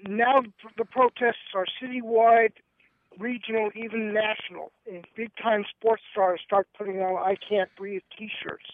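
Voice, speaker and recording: A man with a high-sitting voice speaks flatly and without hurry as a guest on a radio show, restarting hesitantly and reading his poem aloud. He is a poet and activist, and the radio interview and poetry reading come through a tinny phone line.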